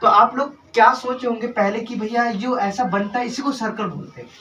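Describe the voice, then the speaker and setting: A man's voice: very high-pitched, a little fast, pushed and bright, distant mic, muffled recording, slight background noise. A male tutor teaching a live class, asking questions and repeating the answers. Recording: echoey room, recorded from afar.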